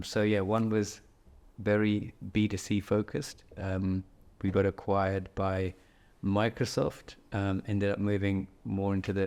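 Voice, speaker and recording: A man with a low-pitched voice talks casually as a podcast guest, thinking aloud. His delivery is relaxed and joking, and he keeps checking in with "right?". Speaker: podcast guest, product executive. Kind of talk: casual conversational interview. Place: indoor room, in person with host.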